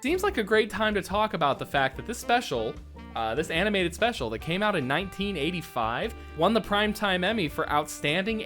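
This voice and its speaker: A man's voice: on the high side, a bit bright. A man in his thirties giving casual, enthusiastic, nostalgic commentary as a cartoon reviewer.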